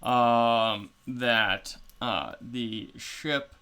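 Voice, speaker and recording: A man narrating a tabletop game as game master, explaining in an unhurried, filler-heavy way. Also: medium pitch, fairly even intonation, sharp tone, clear, resonant tone.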